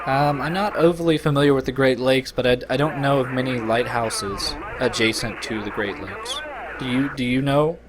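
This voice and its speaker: A man's voice: mid-range voice, normal speed, heavy background noise. A man hosting a let's play, joking and rambling crudely with his co-commentator over the game. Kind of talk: casual commentary over gameplay.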